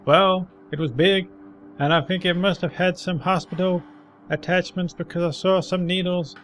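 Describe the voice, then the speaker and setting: A man's voice: high voice, fairly even intonation, normal speed, a bit bright, pitched above the performer's own voice. A man voicing a blunt, suspicious old homeless man from a video game, irritable and slangy. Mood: matter-of-fact. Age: older. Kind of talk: video game character read aloud.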